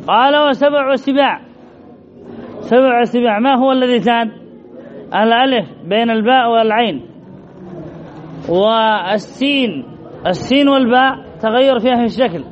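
A man teaching an Arabic grammar lesson, reading a text and explaining it slowly and methodically, asking questions and answering them himself. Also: extremely high pitch. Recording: dull lo-fi class recording with faint noise.

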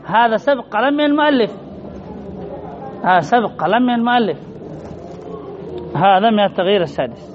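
A man teaching an Arabic grammar lesson, reading a text and explaining it slowly and methodically, asking questions and answering them himself. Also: high-pitched, lively intonation. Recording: dull lo-fi class recording with faint noise.

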